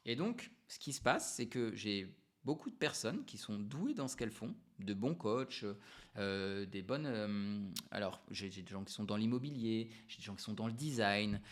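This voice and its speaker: A man coaching entrepreneurs to camera in a relaxed, unscripted way, explaining ideas with emphatic repetitions and frequent hesitations. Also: lowish voice, normal speed. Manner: frequent hesitations and self-corrections. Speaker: business coach.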